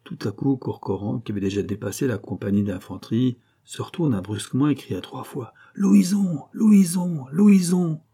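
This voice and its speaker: Low, husky male storyteller. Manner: measured, even storytelling. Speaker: audiobook reader. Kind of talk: scripted narration.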